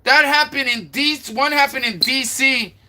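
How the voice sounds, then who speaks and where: A man's voice: very high-pitched, normal speed, sharp tone. A man from Florida chatting casually on a live stream, talking to viewers and sounding out their names over and over. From Florida, USA.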